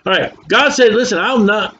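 A man's voice: high voice, pushed and bright. An older man preaching, reading scripture aloud with emphatic, folksy commentary, his s sounds whistling through dentures. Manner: emphatic, folksy asides between slowly read verses. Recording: dull lo-fi recording with faint noise.

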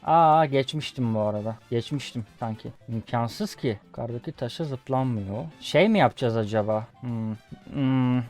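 Excitable young man cursing at a game. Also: mid-range voice, normal speed, faint music behind. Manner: swears at the game and keeps telling viewers to watch. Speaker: gaming YouTuber. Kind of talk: casual let's-play commentary. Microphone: desk USB condenser microphone.

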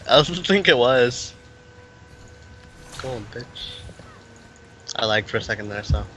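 A man's voice: medium pitch, lively intonation, a little fast, sharp tone, a little hiss or hum, poor audio. A young man chatting offhandedly during a game, swearing casually. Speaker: gamer, duo partner. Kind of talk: casual gaming chat.

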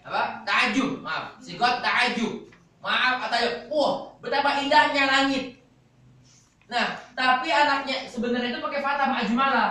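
Guy lecturing a class, quizzing students, bright tone, super echoey room. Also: extremely high pitch, moderate pace. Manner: explanatory, asks the class questions. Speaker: Quran recitation teacher. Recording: echoey hall, voice from far off.

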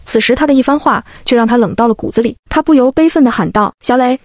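A synthetic woman's voice narrating a novel audiobook in an even, smooth read. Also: fairly high pitch, fast, dry recording.

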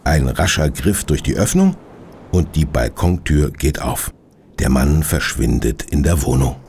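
Brief: male narrator for a children's audio drama, gravelly voice, lively tone. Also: rumbling low, unhurried, slight background noise. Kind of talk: scripted storytelling for children.

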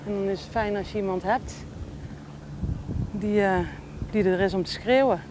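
A woman in her thirties outdoors by a race course, talking with a reporter and shouting cheers for a racer. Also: mid-range voice, steady tone, moderate pace, a little hiss or hum. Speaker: athlete's sister and spectator.

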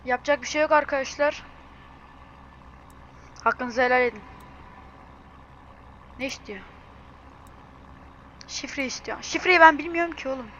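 A young woman hosting a car game video, talking in a hurried, distraught way and swearing oaths as she goes. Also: high voice, fairly bright tone, muffled recording, a little hiss or hum. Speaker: mobile car game channel host. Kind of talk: gaming screen-recording vlog.

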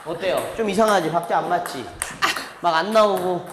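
A man's voice: sits high, moderate pace, noisy background. A man teaching table tennis, talking animatedly and chuckling while he demonstrates strokes. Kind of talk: hands-on coaching demonstration. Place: large indoor table tennis hall. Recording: echoey hall with ball clicks behind.

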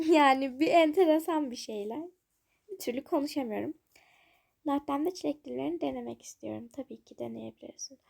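Chatty high-voiced young woman gamer. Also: vocal fry, mellow. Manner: chatty, self-conscious, giggly asides to viewers. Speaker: gaming channel host. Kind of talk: casual gameplay commentary.

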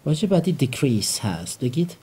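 A man's voice: medium pitch, very animated, dark tone, slightly rough. A man teaching English vocabulary, quizzing his students and having them repeat each word back. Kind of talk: vocabulary lesson with call and response drills.

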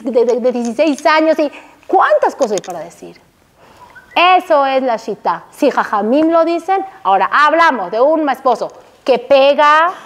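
A woman giving a religious lecture to a women's audience. She is animated, asks the audience questions and mixes in Hebrew terms. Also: very high voice. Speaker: religious teacher. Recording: hall reverb.

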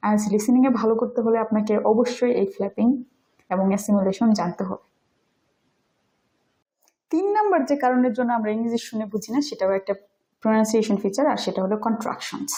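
Woman teaching English pronunciation, mellow voice. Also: fairly high pitch, poor audio. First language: Bengali. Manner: explains step by step, demonstrates English words slowly. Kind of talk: explanatory video lesson.

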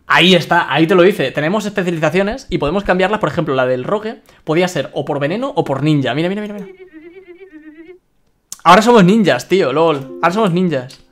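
A young man from Spain chatting excitedly while streaming a game and reading his chat aloud. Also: on the high side, fast talker, hardly any pauses. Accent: Spain Spanish. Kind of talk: live-streamed gameplay commentary.

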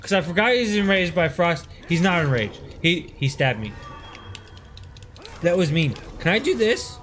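A young man playing a video game while drunk, swearing, yelling at enemies and chatting with a friend. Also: high-pitched, animated, moderate pace, slight background noise. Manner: loud, profane outbursts at the game. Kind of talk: casual gaming banter.

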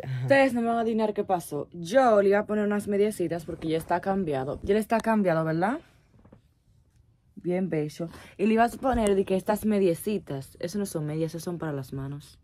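A young mother, chatting casually through her baby's routine at home on a phone camera. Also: warm tone. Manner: chatty, talks to baby in a high cooing voice. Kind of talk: casual vlog narration. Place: home nursery, indoors.

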